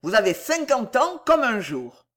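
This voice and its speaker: A reader voicing a choleric old man who shouts in fits of rage, in an audiobook. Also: mid-range voice, very animated, a little slow, pitched above the performer's own voice. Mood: furious. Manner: loud and barking. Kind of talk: audiobook character voice.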